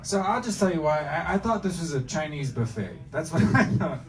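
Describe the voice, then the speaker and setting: His voice a little high, animated and slightly fast, a stand-up comedian from Bosnia brashly provokes the crowd with crude, off-the-cuff jokes inside a retro game store. He's picked up far from the mic over the shop's noise.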